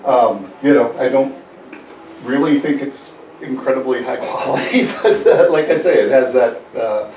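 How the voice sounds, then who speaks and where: A man leading an adult church class in a relaxed, halting way, with many fillers. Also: medium pitch. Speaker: adult education class leader. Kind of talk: casual church class teaching. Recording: roomy, from far off, faint noise.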